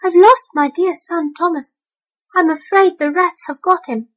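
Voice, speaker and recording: A woman's voice: extremely high pitch, unhurried, fairly bright tone, voice pushed up. A woman voicing an anxious, tearful mother cat who talks in a fretful, lamenting way.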